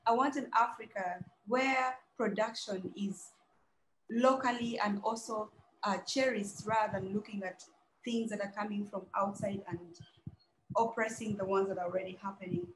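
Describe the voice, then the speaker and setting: A woman's voice: mid-range voice, reverberant, a little hiss or hum, poor audio. A young woman from South Sudan giving an earnest, urgent conference talk over a webcam video call, repeating phrases for emphasis. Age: young adult. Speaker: conference speaker. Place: dim indoor room.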